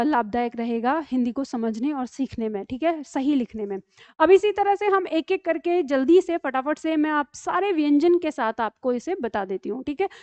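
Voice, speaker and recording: A woman's voice: high-pitched, darkish tone, dry recording, highs cut off. A woman teaching the Hindi syllable chart in an online lesson, patiently reciting each syllable and checking in with learners. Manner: patient, repeats each syllable twice, frequent "theek hai".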